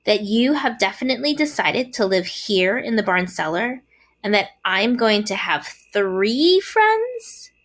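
A woman's voice: mid-range voice, very animated, measured pace, fairly bright tone. Woman voicing an earnest, lilting young boy pig. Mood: trembling joy. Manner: earnest, emotional, polite. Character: earnest, sentimental young male pig, anxious for friends. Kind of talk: storybook character voice.

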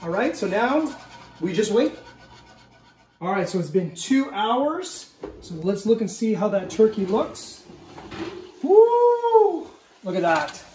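A high, sing-song voice speaks slowly, pausing often and sounding a little mellow. It belongs to a middle-aged man hosting a home cooking show, easygoingly explaining a recipe in steps and frequently asking "okay?" The distant camera mic catches echo from the kitchen, his voice off-mic, plus slight background noise.

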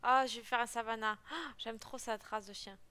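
A woman's voice: a little high, fairly even intonation, normal speed, sharp tone, clear, resonant tone. A woman giggling and chatting casually as she comments on her game, now and then meowing playfully. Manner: giggly, chatty, exclaims often; plays with cute meows. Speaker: let's play gamer.

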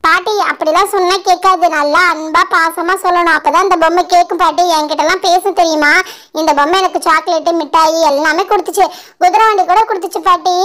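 Squeaky, eager little girl for a doll show, played by a woman. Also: fairly even intonation, fast talker, a bit bright. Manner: eager, pleading.

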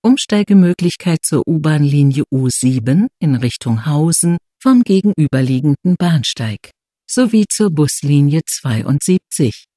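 A transit announcer giving scripted subway announcements of stations and transfers in formal, measured, segmented phrases. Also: mid-range voice, expressive, warm tone, no room sound, clean studio sound.

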